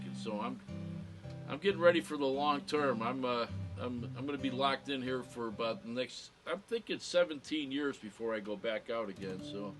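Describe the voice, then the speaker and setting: A man's voice: mid-range voice, rough recording. Joking Chicago man rambling casually. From Chicago, United States. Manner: wry, joking, self-deprecating. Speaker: host of a livestream entertainment show. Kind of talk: casual rambling livestream chat.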